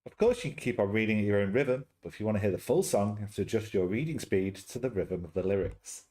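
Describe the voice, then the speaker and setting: A man with a fairly low, warm, expressive voice talks fast while live-streaming a game and reading a visual novel aloud. He's chatty and jokey, easily wandering off on tangents between bits of narration.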